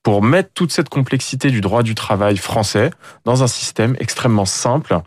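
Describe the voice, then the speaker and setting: A man's voice: mid-range voice, animated, normal speed, breathy edge, dry recording, clean studio sound. A man, a company founder, answering interview questions in a hesitant way, with many fillers and repeated words.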